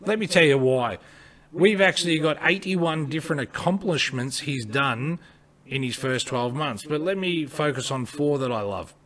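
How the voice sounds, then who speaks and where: A man's voice: fairly high pitch, expressive, normal speed, a bit bright. A man co-hosting a podcast, giving blunt, emphatic opinions and repeating his points. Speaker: podcast co-host.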